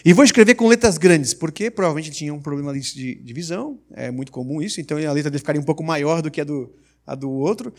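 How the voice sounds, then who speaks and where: A man preaches with an emphatic, energetic delivery and a high-pitched voice. He drives his points home with rhetorical questions aimed at the congregation. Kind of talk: sermon.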